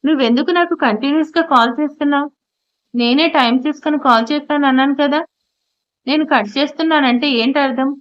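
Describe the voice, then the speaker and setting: A woman's voice: high voice, fast talker, close to an everyday voice. A woman voicing a torn young man in an audio story, speaking defensively and pleadingly. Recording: slightly muffled audio.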